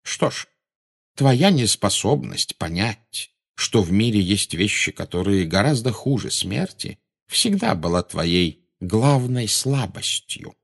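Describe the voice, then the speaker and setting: A man voicing Dumbledore, a calm old wizard. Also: deep voice, vocal fry, slightly rough, full character voice. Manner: soft-spoken, unhurried. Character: calm old male wizard, unshakably composed.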